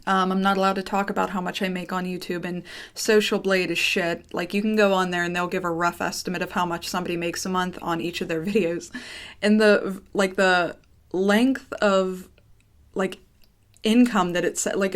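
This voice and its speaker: A woman's voice: fairly low pitch, steady tone, moderate pace. A young American woman talking casually and informally to her viewers, nervous and dry-mouthed, rambling and drifting off topic. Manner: rambling, often breaking off and going off topic; informal, swearing. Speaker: YouTube creator. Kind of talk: casual personal monologue to viewers.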